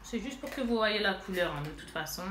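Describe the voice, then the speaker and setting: In an echoey room with faint background noise, a beauty vlogger with allergy-related stuffiness casually shows and swatches makeup, chatting directly to viewers with plenty of fillers. Her mid-range voice is animated, a little fast, and fairly bright.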